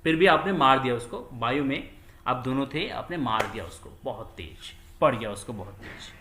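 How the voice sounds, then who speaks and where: A man's voice: mid-range voice, lively intonation, moderate pace, sharp tone, echoey room, a little hiss or hum. A man teaching a physics lesson, who repeats key words and asks questions that he answers himself. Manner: acts out little scenes with quoted dialogue. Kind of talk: classroom lecture.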